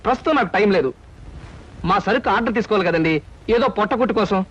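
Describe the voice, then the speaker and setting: An actor playing a smooth-talking male con man who flatters a customer with fake face reading. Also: high voice, fast talker, full character voice. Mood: flattering. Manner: flattering and smooth, bossy to his servant. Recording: lo-fi film soundtrack with music.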